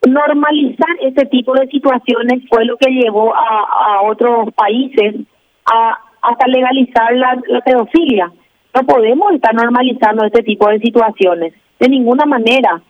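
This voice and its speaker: A woman's voice: a little high, moderate pace. Woman senator on a crackly phone line. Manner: formal, emphatic and firm. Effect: crackly, breaking-up phone line. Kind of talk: remote interview guest.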